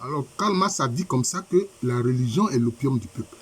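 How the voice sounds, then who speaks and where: His sermon comes through a video conference, voiced with cold-induced huskiness that is rough and a little stuffy at a mid-level pitch. Expressive and fairly quick, he keeps hammering his message with repetition and rhetorical questions.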